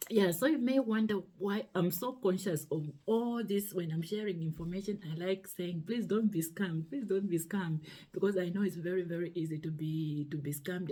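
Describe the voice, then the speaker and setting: A woman's voice: fairly low pitch, warm tone, breathy edge. A middle-aged woman from Zambia, a nurse, telling a personal story in a chatty, hesitant way with many fillers. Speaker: nurse sharing her story. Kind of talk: casual storytelling vlog.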